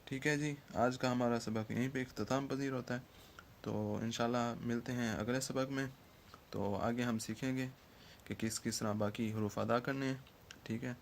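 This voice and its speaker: A man's voice: mid-range voice, steady tone, a little hiss or hum. A man teaching Quran letter pronunciation in an online lesson, patiently checking in after each point and drawing out the letter sounds.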